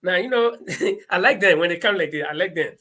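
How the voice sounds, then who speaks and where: A man with a Liberian accent hosting an animated live political discussion, speaking emphatically and repeating his phrases. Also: high voice, a little fast. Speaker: panel host.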